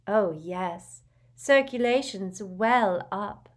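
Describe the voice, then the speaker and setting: A woman voicing a serene, oddly candid teenage witch who speaks slowly and dreamily. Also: medium pitch, lively intonation, voice pushed up.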